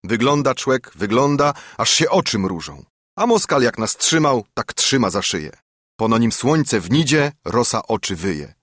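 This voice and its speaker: A man's voice: mid-range voice, big pitch swings, a little slow, a bit bright, no echo, clean studio sound. A man voicing a weary old nobleman who laments and complains, raised above his usual voice. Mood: complaining.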